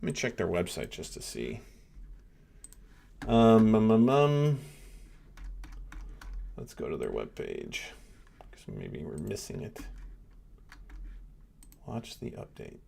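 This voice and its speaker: A man's voice: on the low side, huge pitch swings, takes it slowly, vocal fry, pauses often, dark tone, a little hiss or hum. A middle-aged man hosting a live stream as a professor, giving casual reaction commentary and thinking aloud with lots of fillers. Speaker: livestream host, neuroscience professor.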